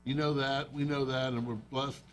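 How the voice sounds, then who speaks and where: A man's voice: medium pitch, flat delivery, moderate pace. A man serving as mayor, chairing a city council meeting in a friendly, joking way. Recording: noisy room with crowd murmur.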